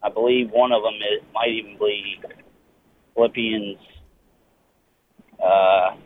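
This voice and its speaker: A male caller speaking over the phone, asking his question in a halting, hesitant way. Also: fairly low pitch, fairly even intonation, a little hiss or hum. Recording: tinny phone line.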